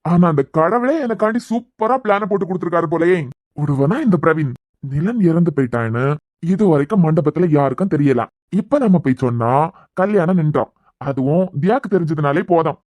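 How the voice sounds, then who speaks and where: A man voicing a scheming young male villain in a cartoon web series, speaking in a sly, low gloating murmur with a Kanyakumari Tamil accent. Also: lively intonation, fairly quick, a little mellow, dry recording, close to an everyday voice. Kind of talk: cartoon voice acting.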